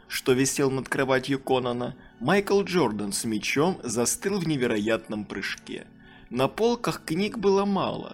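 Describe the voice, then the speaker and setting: With a mid-range voice, an audiobook narrator reads a children's horror story, voicing the characters' lines in a raised, excited way.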